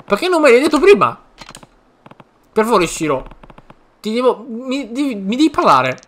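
A man's voice: very high-pitched, huge pitch swings, moderate pace, a bit bright, voice pushed up, heavily acted. A man reading as Kiryu, stern protector. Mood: determined. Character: stern adult male ex-yakuza protector.

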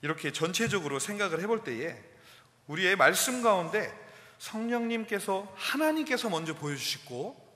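Male pastor, middle-aged, lively sermon voice, bright tone, long hall reverb. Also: on the high side. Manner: animated, acts out quoted lines with laughter.

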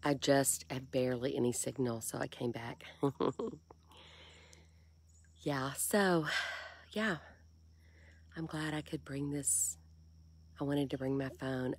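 A woman, talking softly and half-whispering in a casual devotional vlog, filmed on a phone held at arm's length from a kayak on a lake. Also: extremely low pitch, fairly even intonation, slow pace, long pauses, slight background noise. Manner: soft, breathy, half-whispered, musing. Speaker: faith vlogger.

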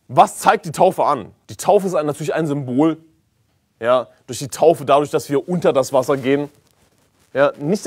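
Fiery male preacher, insistent and repetitive. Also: mid-range voice. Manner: emphatic, insistent, repeats key phrases; swings from quiet stress to loud condemnation. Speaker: pastor. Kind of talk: fiery sermon.

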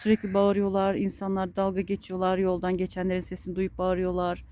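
Woman, mellow voice, casual vlog, doting baby talk to dogs, outdoors in a garden. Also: fairly low pitch, completely flat delivery, fast talker. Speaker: vlogger.

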